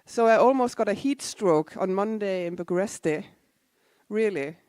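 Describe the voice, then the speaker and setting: A Danish-born woman in her forties gives a relaxed, self-mocking talk in a conference hall, tossing asides to the audience. Her medium-pitched voice is clear, resonant and slightly dark, moving at a moderate pace with no room sound.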